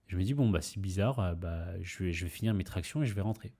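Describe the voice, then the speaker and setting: A man's voice: deep voice, fast talker, mellow. A young man hosting a podcast, telling a personal story casually, rambling with fillers, restarts and mild swearing. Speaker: podcast host.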